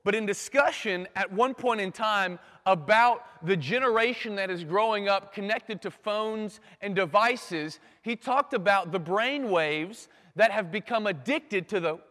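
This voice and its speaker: Animated high-voiced preacher in a hall. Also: male voice, measured pace, hardly any pauses. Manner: dramatic swings from loud bursts to hushed near-whispers; makes playful sound effects. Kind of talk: sermon to a live audience. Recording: long hall reverb.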